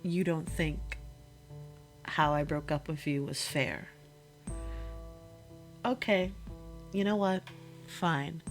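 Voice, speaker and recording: With a deep voice, a woman acts out the role of a hurt, fed-up girlfriend taking her boyfriend to task in an intimate audio roleplay where only she speaks. Her delivery is emphatic, halting, and repetitive, and her mood comes across as weary and guarded.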